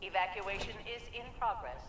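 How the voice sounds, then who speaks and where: A woman voicing a calm female automated alarm system of a facility, making formal, measured announcements over an outdoor loudspeaker. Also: mid-range voice, a crowd in the background. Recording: echoey loudspeaker heard from far off, faint noise.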